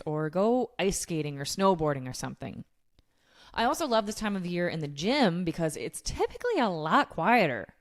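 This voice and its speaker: Casual, blunt woman podcaster giving advice. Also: fairly low pitch. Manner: casual, blunt, swearing freely. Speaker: podcast host giving fitness and nutrition tips. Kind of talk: scripted solo podcast advice with casual asides.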